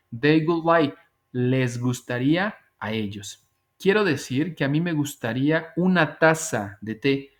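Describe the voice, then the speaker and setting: A man teaching an English grammar class over a video call, patiently repeating example phrases slowly. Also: mid-range voice. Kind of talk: online class explanation.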